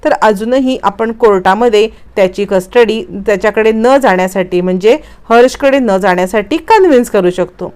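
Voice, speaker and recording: A woman's voice: medium pitch, normal speed, hardly any pauses, a little mellow, smooth, natural voice. A woman reading an earnest young stepmother.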